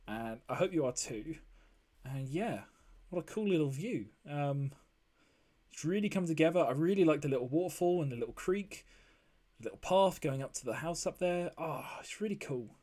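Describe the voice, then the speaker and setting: A man's voice: fairly high pitch, moderate pace, a little mellow. A man giving casual, rambling commentary while he builds in a game, with lots of ums and asides. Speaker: let's play host.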